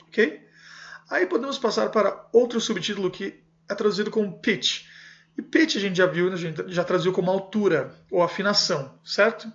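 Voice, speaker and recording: A man's voice: high-pitched, muffled recording. A man reading aloud from a music theory book and explaining it, often checking in with his listeners. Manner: steady reading with frequent "certo?" check-ins. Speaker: music teacher translating a textbook.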